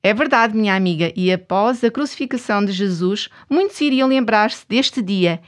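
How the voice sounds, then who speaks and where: A woman's voice: medium pitch, animated, normal speed. A woman with a European Portuguese accent hosts a scripted Bible storytelling programme for children, speaking expressively to young listeners.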